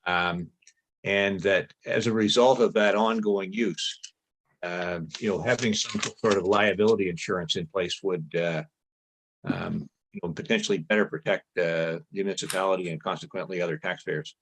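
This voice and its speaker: Deep-voiced hesitant male councillor. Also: fairly even intonation, a bit bright. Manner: halting, many uhs, deliberate. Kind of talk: council meeting question.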